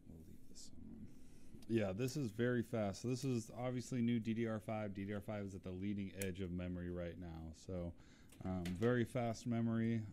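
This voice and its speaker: A man acting as lead technical expert, explaining computer parts in a relaxed way with frequent fillers. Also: fairly low pitch, normal speed, slight background noise.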